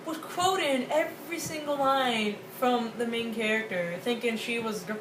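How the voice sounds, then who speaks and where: A young woman co-hosting a casual rant, talking in a quick, excitable, exaggerated way. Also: on the high side. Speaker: co-host. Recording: roomy, distant, noisy home recording.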